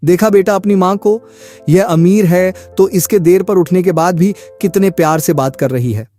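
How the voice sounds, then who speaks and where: A man voicing a calm, fair-minded older father-in-law in a cartoon story, who speaks in a gentle, reasoning way. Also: sits high, normal speed, soft background music, lightly acted.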